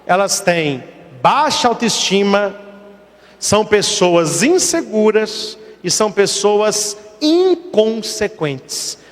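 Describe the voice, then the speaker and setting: Man, priest, sermon, rhetorical questions, high voice, long reverb. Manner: rhetorical questions, emphatic repetition.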